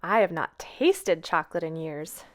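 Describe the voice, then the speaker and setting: A woman voicing a jolly, excitable postman, hollering happily in a storybook reading. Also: deep voice, unhurried, voice pushed down. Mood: cheerful. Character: excitable middle-aged Dutch postman, man.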